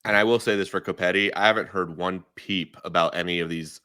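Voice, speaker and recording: A man's voice: low-pitched, fairly even intonation, a little fast, pushed and bright, dry recording, clean studio sound. A man giving emphatic, opinionated takes as a guest in a casual podcast chat, often restarting his sentences. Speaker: guest analyst.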